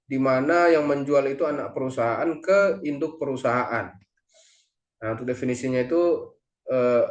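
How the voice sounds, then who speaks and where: Speaking in a mid-pitched voice, a male accounting lecturer or presenter explains his material one step at a time, sometimes stopping to fix what he said. Clear room reverberation gives the audio an echoey sound.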